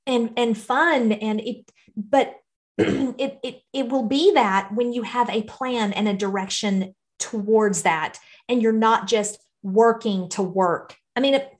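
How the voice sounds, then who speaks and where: A woman's voice: fairly high pitch, slow pace. A woman talking conversationally as a podcast guest, in an earnest, encouraging way. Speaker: podcast guest, financial educator for parents. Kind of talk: conversational interview talk.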